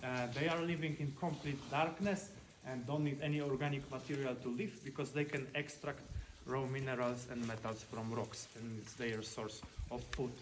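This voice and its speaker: A man's voice: mid-range voice, flat delivery, normal speed. A man who is a non-native English speaker, working as a cave tour guide and explaining things informally with dry joking asides. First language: not English. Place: inside a cave. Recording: noisy on-location recording with clicks.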